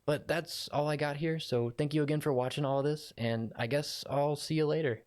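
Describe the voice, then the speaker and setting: A man's voice: a little high, fairly even intonation, moderate pace, darkish tone. A man narrating the friendly, slightly rambling outro of his video essay.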